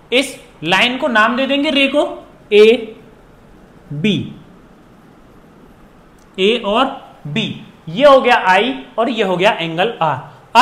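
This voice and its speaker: A man from India teaching a physics lesson, repeating key phrases and dictating definitions slowly word by word. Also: high voice, fairly bright tone. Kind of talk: classroom physics lesson in Hindi and English. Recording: echoey room.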